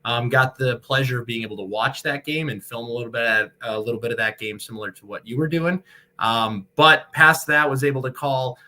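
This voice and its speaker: An American sportscaster from Michigan, who works as a radio play-by-play broadcaster, talks casually and at length as an interview guest. His voice sits at a medium pitch with a steady tone, and he speaks a little fast in a pushed, bright way.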